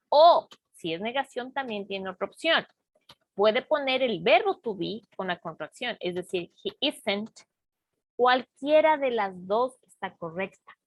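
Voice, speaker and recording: A woman teaching an English class, explaining grammar slowly and patiently and checking often that students follow. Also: on the high side, dry recording. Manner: slow, patient explaining with frequent check-ins. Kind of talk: online class lesson.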